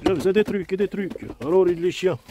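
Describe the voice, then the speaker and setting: A man's voice: sits high, a little fast, warm tone, a little hiss or hum. A tired man chatting to himself outdoors as he films his garden DIY from a camera strapped to his head. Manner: rambling, chatty, talks to himself and his animals. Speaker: vlogger doing garden DIY. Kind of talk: casual self-narrated vlog. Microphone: head-mounted camera.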